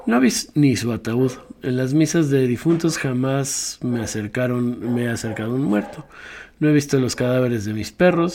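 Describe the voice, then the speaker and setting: Man, reading an essay aloud, mellow warm tone, measured and reflective, slips and corrects himself. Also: mid-range voice. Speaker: reader.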